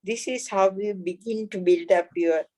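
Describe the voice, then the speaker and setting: A woman giving a slow, deliberate instructional reading on Buddhist practice. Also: mid-range voice, mellow, no echo, rough recording. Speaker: Dhamma reader.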